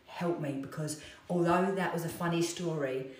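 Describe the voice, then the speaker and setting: Low-voiced woman, chatty and roomy. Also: moderate pace. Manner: chatty, animated, self-mocking storyteller. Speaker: fitness trainer. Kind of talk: casual storytelling chat to viewers. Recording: echoey room, distant mic.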